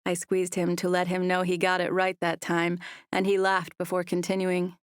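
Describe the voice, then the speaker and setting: A woman narrating a first-person romance audiobook in a soft, even storytelling voice on a close mic. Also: lowish voice, normal speed, smooth, no echo.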